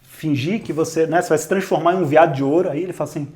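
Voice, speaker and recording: A man with a Brazilian accent retells an old tale in a loose, joking way, full of asides and modern comparisons. His voice sits high for a man. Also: racing, darkish tone. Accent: Brazilian Portuguese. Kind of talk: casual comic retelling.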